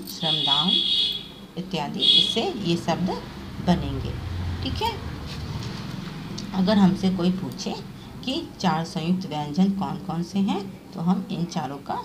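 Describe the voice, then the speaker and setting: A woman teacher giving an online class lesson, explaining step by step, spelling out sounds slowly and often checking in with a rising "okay". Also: lowish voice, very noisy.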